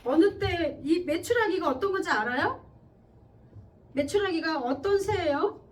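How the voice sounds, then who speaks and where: A woman's voice: very high-pitched, animated, measured pace. A woman pastor preaching a sermon in a conversational way, often checking in with her listeners and acting out quoted speech. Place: church. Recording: distant mic with faint background noise.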